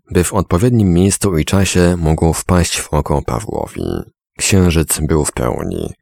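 Male audiobook narrator, extremely low bass with gravel, expressive rise and fall, dry close sound. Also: dry recording. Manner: measured, dramatic storytelling. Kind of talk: scripted narration.

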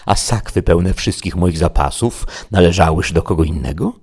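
A man reading a storybook aloud, voicing an excitable, fretful peasant squire with loud, alarmed exclamations. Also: low voice, moderate pace, breathy edge, full character voice. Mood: indignant.

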